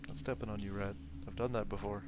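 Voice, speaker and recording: A man with a fairly low voice narrates his own gameplay casually. He mutters offhand reactions to himself, and the recording is very noisy, with game sound behind him. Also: steady tone, quick pace. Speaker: gamer playing through a stealth video game. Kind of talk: casual let's play commentary.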